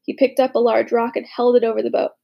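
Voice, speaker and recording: A woman narrating a war story as a young soldier, with dramatic, hushed, urgent delivery in the dialogue. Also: fairly high pitch, flat delivery, quick pace, vocal fry, highs cut off. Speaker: narrator voicing a boy soldier. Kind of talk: audiobook narration.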